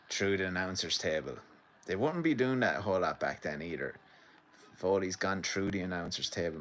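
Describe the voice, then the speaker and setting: A man from the Irish midlands runs a rambling live stream from his sitting room, chatting casually with viewers and commenting on a match. His voice is low with a fairly bright tone, and there's a little hiss or hum in the audio.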